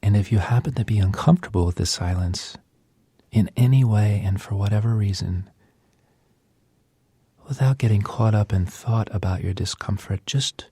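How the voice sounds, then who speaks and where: Really breathy soft-spoken guy doing guided meditation, half whispering, dark mellow tone, gentle w lots of pauses. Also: lowish voice, no echo.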